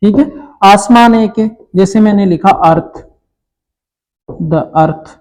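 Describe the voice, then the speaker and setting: A man teaching an English grammar lesson to children, explaining slowly and checking in often. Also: high voice, a little mellow, rough recording.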